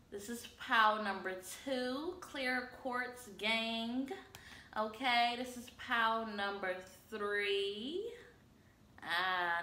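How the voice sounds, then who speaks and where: A woman's voice: mid-range voice, pushed and bright. A woman giving a casual, chatty tarot reading to viewers, tired from being up late. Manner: chatty, slangy, addresses viewers as y'all. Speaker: tarot reader. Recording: echoey room, faint ambience.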